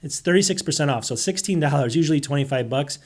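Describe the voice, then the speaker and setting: Male tech-deals host, rapid and rambling, slightly raised pitch, voice wearing thin. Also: lively intonation. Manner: rambling, self-interrupting, asks rhetorical questions. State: losing his voice. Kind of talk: casual tech deals walkthrough.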